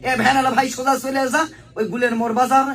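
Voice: high voice, flat delivery, quick pace, a bit bright, recorded from a distance. A performer playing a curious, eager villager in an advert dialogue, speaking Bangladeshi dialect with a Sirajganj accent. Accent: Sirajganj regional Bangladeshi.

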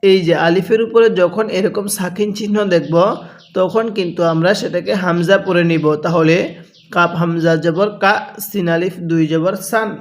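A man teaching Quran reading, spelling out syllables and repeating them in a steady drill, asking his own questions and answering them. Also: sits high, normal speed. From Bangladesh. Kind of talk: spelling-out recitation lesson.

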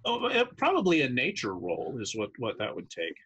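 A man narrating as dungeon master, talking in halting bursts with many restarts and easy laughter. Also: mid-range voice, huge pitch swings, fairly bright tone, husky. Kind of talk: narrating a tabletop game.

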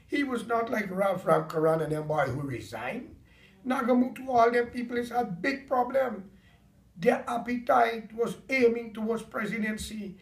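A middle-aged man from Guyana with a Guyanese accent, giving an impassioned political rant straight to the camera from his dining room. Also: a little high. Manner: impassioned, preachy, rising to loud emphatic peaks. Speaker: political commentator. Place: home dining room, indoors. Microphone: camera several feet away. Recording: roomy, distant camera mic.

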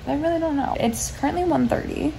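This vlogger in her twenties talks fast in a high, gravelly voice while lying in bed, her phone camera held at arm's length. Despite the speed, her casual confessional chat about her life is soft-spoken, reflective and meandering; the recording is rough with slight background noise.

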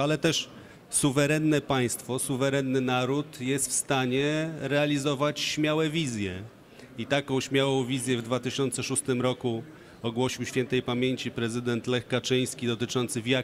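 A man speaking formally and measuredly on a conference panel, with frequent hesitations, into a handheld mic. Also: medium pitch. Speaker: minister on panel. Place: large conference stage.

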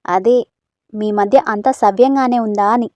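A woman's voice: mid-range voice, steady tone, moderate pace, a little mellow, no room sound, close to an everyday voice. A woman voicing a kind, curious sister-in-law who teases and asks questions in a storybook. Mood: teasing curious.

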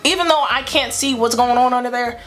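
A young woman vlogger telling a story from her childhood in a casual, animated and slangy way. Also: on the high side, brisk, soft background music.

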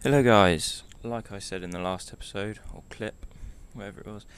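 A man's voice: lowish voice, moderate pace, smooth. A hungover young man talking offhand and chattily, casually showing his kit as a motorcycle vlogger. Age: young adult. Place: small bedroom indoors.

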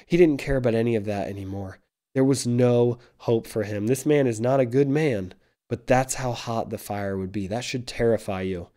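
Male street-style preacher, intense and warning, dark timbre, shifts between loud urgency and hushed gravity. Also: mid-range voice. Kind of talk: evangelistic sermon.

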